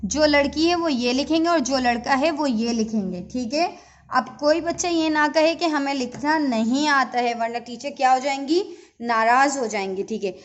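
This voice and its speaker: A woman teacher leads an online writing lesson for young children, speaking patiently and checking in with them often. Her voice sits a little high. The recording sounds dull and lo-fi. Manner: patient, slow teacher talk with repeated checks.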